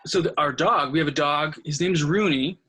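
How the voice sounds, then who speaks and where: A man in his thirties, a history teacher, answering interview questions in a relaxed, friendly storytelling way. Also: a little high, normal speed, slightly rough, low-quality recording.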